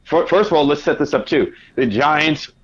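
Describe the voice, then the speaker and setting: Animated New man telling stories. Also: fairly high pitch, normal speed, slightly rough, lo-fi sound. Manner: animated anecdotes, acts out his own past reactions. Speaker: podcast guest, sports writer. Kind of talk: conversational storytelling.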